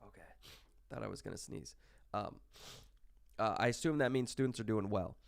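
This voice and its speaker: Sick guy teaching math online, rambly, lots of ums, kinda gravelly. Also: fairly low pitch, normal speed, dry recording. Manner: casual, rambling, many fillers and restarts. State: sick, with hiccups. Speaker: math instructor. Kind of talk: recorded online math lecture.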